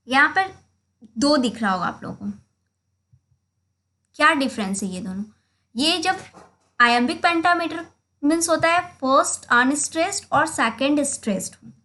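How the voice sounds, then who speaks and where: High-voiced woman teaching poetry meter. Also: sharp tone. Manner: explains step by step, marking stressed and unstressed syllables aloud. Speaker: literature teacher. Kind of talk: slide lecture in Hindi mixed with English.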